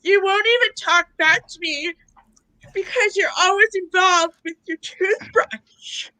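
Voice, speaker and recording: A woman's voice: extremely high pitch, unhurried, bright, forceful tone, no room sound, exaggerated voice, poor audio. A woman doing a whiny clingy roommate. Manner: whiny, tearful pleading. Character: clingy needy woman roommate, 35, licks people. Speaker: improv performer. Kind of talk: improv comedy scene.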